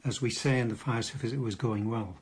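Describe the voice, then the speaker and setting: An older man, a retired fire officer, gives a steady, matter-of-fact account in an interview. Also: medium pitch, a little fast, husky. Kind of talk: interview recollection.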